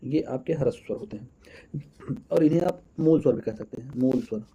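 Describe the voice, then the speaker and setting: A man teaches an exam-prep lesson in a very dark, husky voice. He asks questions and counts out the answers aloud, calling his viewers friends. The recording sounds dull and lo-fi. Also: medium pitch, normal speed.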